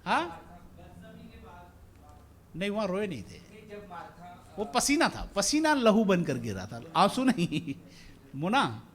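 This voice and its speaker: A male pastor from India delivers an animated sermon, questioning his congregation as he goes. His voice sits high for a man. It rises and falls widely as he talks. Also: takes it slowly, pauses often. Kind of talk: Hindi sermon with English phrases.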